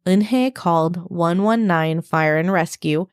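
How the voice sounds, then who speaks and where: A woman podcast host telling a true crime story in a measured, explanatory scripted narration. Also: lowish voice, smooth, no echo, studio quality.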